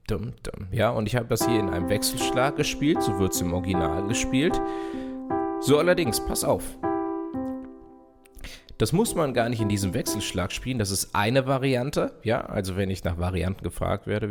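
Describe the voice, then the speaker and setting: A man giving a casual online piano lesson, talking straight to the viewer and singing rhythms as syllables while he plays. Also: lowish voice. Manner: relaxed, talks directly to viewer, sings rhythms as syllables. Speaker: piano teacher. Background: piano playing.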